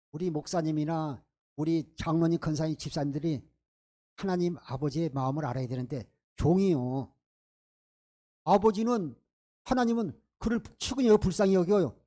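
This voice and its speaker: A man's voice: a little high, dark tone. A male pastor preaching a sermon, emphatic and full of rhetorical questions to his congregation.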